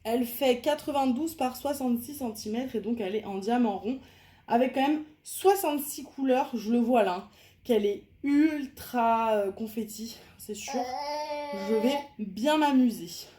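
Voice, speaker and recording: A young woman with a slightly high, dark-toned voice speaks a little slowly while chatting at her living room table. She unboxes a diamond painting kit and shows it off, thinking out loud as she counts and sorts the pieces.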